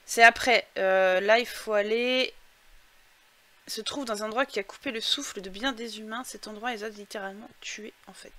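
A woman's voice: medium pitch, steady tone, normal speed, a bit bright, a little hiss or hum. A woman giving casual commentary while playing a video game, thinking aloud with lots of fillers and reading quest text aloud. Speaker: let's play gamer.

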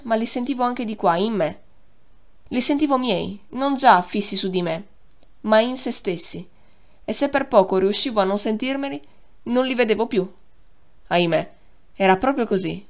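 A woman reads a literary novel aloud for an audiobook. Her pitch sits in an ordinary middle range, and her delivery is measured and expressive, easing the pace on the phrases that matter. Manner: measured, expressive reading that slows on key phrases. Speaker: audiobook reader. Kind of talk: scripted literary narration.

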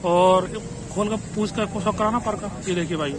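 Walking through a crowded open-air pigeon market, this fairly high-voiced vlogger speaks with a Western Uttar Pradesh Hindi accent and a steady tone. He keeps up a brisk promotional patter, talking to sellers and pressing viewers again and again. His phone captures the noisy street scene, full of chatter and traffic.

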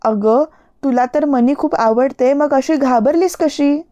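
A woman voicing an affectionate young sister-in-law who coaxes and scolds softly in an audiobook story. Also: high voice, a little slow, dull audio. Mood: coaxing.

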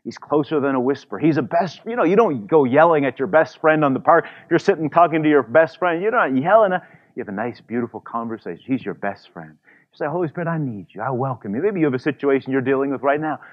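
A man's voice: a little high, expressive, fast talker, lo-fi sound. A man preaching a sermon as pastor, in an easygoing, conversational way, full of "you know" asides.

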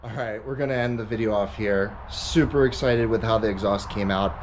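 Speaking fairly quickly in a lowish voice, this car builder and YouTube host, an American man in his thirties, keeps things plain and matter-of-fact as he explains casually for his vlog. Clear outdoor and garage ambient sound comes from the driveway and open home garage.

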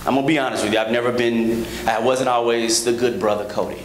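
A man in his thirties preaching a sermon from a church pulpit on a handheld microphone, rhythmic, rising to emphatic high peaks, with joking asides to the congregation. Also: fairly even intonation, fast talker. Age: 30s. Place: large church sanctuary, at a pulpit. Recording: echoey church hall with background noise.

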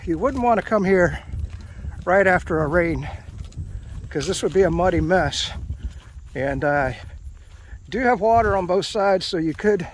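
A man's voice: a little high, a little hiss or hum. Chatty man narrating an outdoor hike. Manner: rambling, chatty, many fillers and restarts. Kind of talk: casual hiking commentary to camera. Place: outdoor rural trail, walking. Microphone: handheld action camera, off-screen narrator.

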